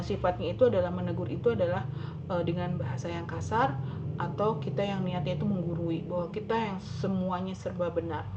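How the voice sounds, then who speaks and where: Woman lecturer, lower voice, plain explanatory delivery with fillers, dull lo-fi home recording. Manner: explanatory, many fillers and self-corrections. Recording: dull lo-fi recording, faint background noise.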